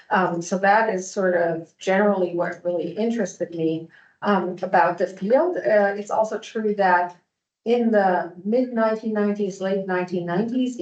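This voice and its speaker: A woman in her fifties from Germany, a panel speaker explaining her work in a fluent, measured way. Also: mid-range voice, a little mellow. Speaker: invited speaker. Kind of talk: academic panel answer. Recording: echoey dull sound.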